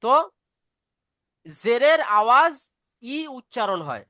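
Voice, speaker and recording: A woman's voice: on the high side, sing-song, takes it slowly, fairly bright tone, no room sound, studio quality. A woman teaching a beginner reading class online, patiently explaining step by step and asking if students follow.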